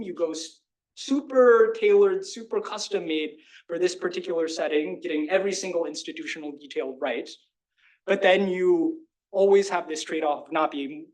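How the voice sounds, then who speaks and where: A man's voice: fairly high pitch, darkish tone, poor audio. A man on an academic panel who talks fluently and informally and thinks aloud. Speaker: panel discussant.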